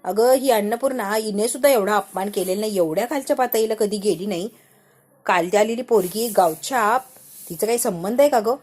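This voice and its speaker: A woman's voice: medium pitch, fairly quick, a little mellow, lightly acted. Woman voicing a raging humiliated rich matriarch. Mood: bitter, vengeful. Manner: ranting, self-pitying, bitter. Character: furious proud wealthy woman, humiliated, vengeful.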